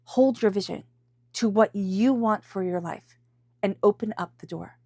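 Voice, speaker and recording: A woman with a head cold gives an intuitive tarot reading to viewers, her voice stuffy and congested as she repeats phrases for emphasis. She speaks in a mid-range, dark-toned voice at a measured pace, recorded dry with clean studio sound.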